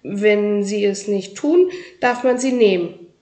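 A woman's voice: mid-range voice, takes it slowly, mellow, lightly acted. A woman voicing a cheeky, carefree young female magpie in a read-aloud children's story, with a chirpy, sassy manner. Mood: cheerful. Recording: roomy echo.

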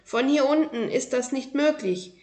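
A woman's voice: high-pitched, normal speed, a little mellow, roomy sound, pitched above the performer's own voice, lightly acted. Firm, instructive mission control from a storybook, voiced by a woman. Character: ground control voice giving instructions.

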